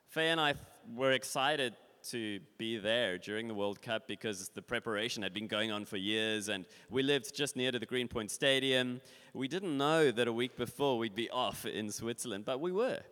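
A South African man in his forties, visiting a church, shares his testimony at a service in a relaxed, rambling way full of fillers and laughs. His mid-range voice moves at normal speed, and the church hall adds long reverb.

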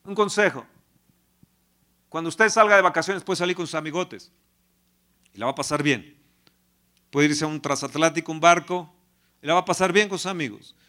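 A man's voice: a little high, moderate pace, long pauses. A man preaching a sermon who retells a Bible story and acts out its characters. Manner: reads scripture softly, then preaches with rising intensity; acts out biblical characters in dramatized quotes.

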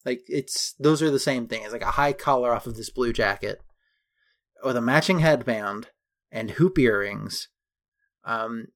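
A man's voice: medium pitch, a little slow, fairly bright tone. A man co-hosting a casual film recap podcast, chatty and detailed, going through costumes item by item. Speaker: podcast co-host.

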